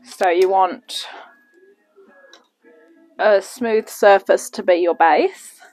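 A woman's voice: mid-range voice, very slow, darkish tone, soft background music, poor audio. A woman hosting a casual home cooking demonstration in her kitchen, chatty and self-deprecating with rambling asides. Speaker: home cooking channel host.

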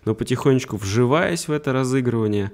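A man, a psychotherapist co-hosting a podcast, explaining things with many pauses and fillers. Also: medium pitch, lively intonation, a little mellow. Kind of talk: casual conversation.

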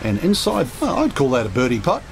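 A man's voice: medium pitch, huge pitch swings, a little fast, gravelly. A man playing an approving TV golf commentator in a video game. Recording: loud crowd ambience behind.

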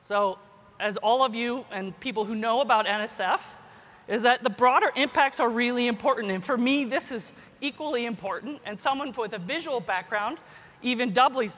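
Her voice fairly high and fairly bright at a normal pace, a woman scientist-teacher gives an informal conference keynote, often adding "you know" and "right?" The large hall echoes with lengthy reverb.

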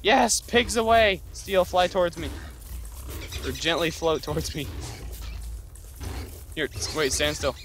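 A man's voice: a little high, steady tone, measured pace, pauses often, a bit bright, a little hiss or hum. A young adult man playing a co-op game, giving playful directions and tossing in laughing asides. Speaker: co-op game player, channel host. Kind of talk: casual gaming chat.

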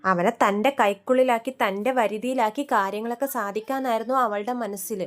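A scornful middle-aged mother-in-law with sharp, dismissive retorts, as a woman retells her lines. The voice sits a little high and lifts somewhat above the storyteller's own. She talks quickly. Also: close to an everyday voice.

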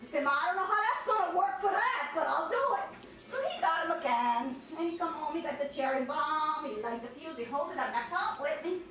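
A woman comedian with a Cajun accent spins folksy comic stories in a very high, bright voice that she uses to act out dialogue. She is recorded from across a living room, so the sound is strongly echoey. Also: a little fast, hardly any pauses. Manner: animated, folksy, acts out quoted dialogue. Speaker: comedian hired to entertain at a house party. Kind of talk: comic storytelling with audience banter. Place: crowded living room at a party. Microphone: camera across the room. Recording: echoey living room, distant camera microphone.

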